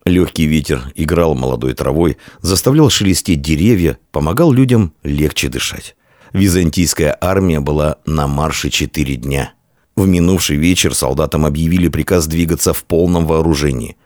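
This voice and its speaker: Deep-voiced man narrating an audiobook. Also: normal speed, a little mellow, dry recording, clean studio sound. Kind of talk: scripted narration.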